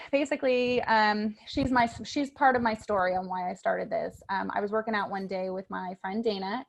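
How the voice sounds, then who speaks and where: A woman in her thirties, a registered nurse, telling an earnest, animated personal testimonial on a group call. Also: medium pitch, vocal fry.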